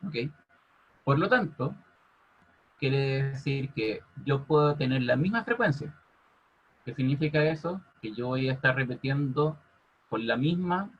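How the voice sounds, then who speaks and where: A man teaching a physics class over a video call, constantly checking in with his students by asking if it's clear. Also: medium pitch, fairly bright tone. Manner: checks in with "ok?" after nearly every phrase. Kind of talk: online class explanation. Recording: muffled lo-fi audio.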